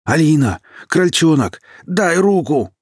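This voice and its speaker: A man voicing a young male killer sinking in quicksand, shouting and begging in a husky voice. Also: sits high, very animated, no echo, studio quality, voice pushed up, heavily acted. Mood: panicked. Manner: shouting, begging, then whimpering like a child. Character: young man, trapped killer, panicking and vicious.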